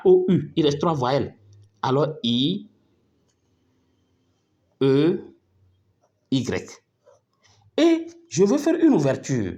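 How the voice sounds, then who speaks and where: Slow, lively-pitched male teacher. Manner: patient, spells out letters and syllables, checks pupils follow. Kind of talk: phonics lesson at a board.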